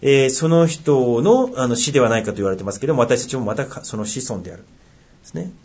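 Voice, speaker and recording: A middle-aged male pastor with a Tohoku accent delivers a sermon in an earnest, questioning way. His voice is husky, and his pitch rises and falls in lively swings. He often drops into soft, quiet asides. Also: quick pace. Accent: Tohoku dialect.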